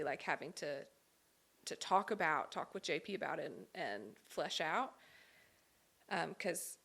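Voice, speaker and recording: A woman's voice: low voice, vocal fry, a bit bright. A young pregnant woman, a singer, answering interview questions openly and thoughtfully, a little out of breath. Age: young adult. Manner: open, thoughtful, light laughs, many ums. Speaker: guest, singer. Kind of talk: interview conversation.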